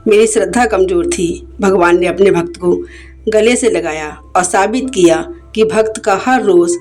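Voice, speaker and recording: A woman's voice: mid-range voice, darkish tone. A woman narrating a devotional story in an emotive, dramatic storytelling manner.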